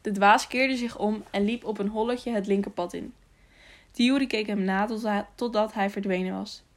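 A woman narrating a children's novel aloud in a calm, even storytelling manner. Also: medium pitch, moderate pace. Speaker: audiobook narrator. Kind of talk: scripted narration.

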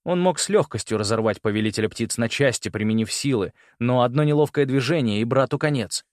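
A man narrating a fantasy audiobook with a dramatic, expressive reading, close to the mic. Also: medium pitch, fairly quick, no echo. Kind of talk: scripted narration.

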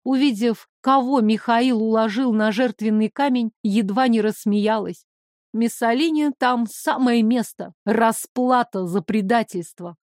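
Lady reading a fantasy novel out loud, bit high voice, dry close sound. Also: unhurried, no echo. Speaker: audiobook narrator. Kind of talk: first-person fantasy novel narration.

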